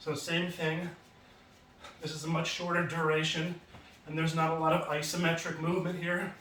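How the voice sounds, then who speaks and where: A man's voice: a little high, completely flat delivery, moderate pace, fairly bright tone, a little hiss or hum. Man coaching exercises in an echoey basement. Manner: explains while demonstrating moves, casual and plain. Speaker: fitness instructor. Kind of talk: exercise demonstration lesson. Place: home basement. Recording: roomy echo from far off, faint ambience.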